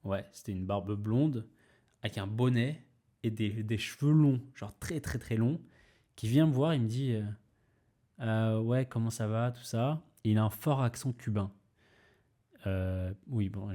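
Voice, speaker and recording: A man's voice: lowish voice, moderate pace, warm tone. Laid-back young man telling a story. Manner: rambling, many fillers and restarts, mild swearing. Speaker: podcast host. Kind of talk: casual storytelling.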